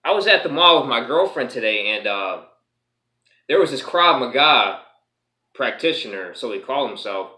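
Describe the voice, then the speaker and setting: Rambling man telling a story, bright voice. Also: mid-range voice, lively intonation, normal speed, roomy sound. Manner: rambling, lots of "you know" fillers, swears freely. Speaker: martial arts instructor. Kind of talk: casual storytelling vlog.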